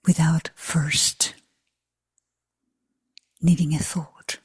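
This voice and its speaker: Guiding a group through meditation, this teacher's low voice is very husky, breathy and a little mellow, close to a whisper, and her tone stays level. Short phrases come slowly with long silences between them, and the sound is close, dry and free of room sound.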